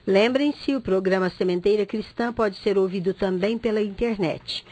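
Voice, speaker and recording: A woman hosting a radio program, reading the closing announcements in a measured way. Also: mid-range voice, darkish tone, no room sound.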